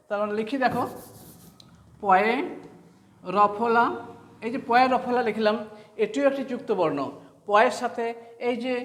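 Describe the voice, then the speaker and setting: A man with a high voice leads a spelling and pronunciation lesson. He speaks slowly and says each sound again and again. The recording has a roomy echo. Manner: slow, repeats each sound several times. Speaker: teacher. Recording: echoey room.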